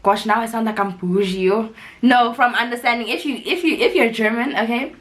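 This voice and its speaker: A young woman with a South African accent chats to camera as a vlogger. She rambles happily with lots of "like" and frequent laughs, and her voice sounds rough because she is sick. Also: a little high, fairly quick. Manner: chatty, full of "like", laughs often. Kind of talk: casual chat to camera.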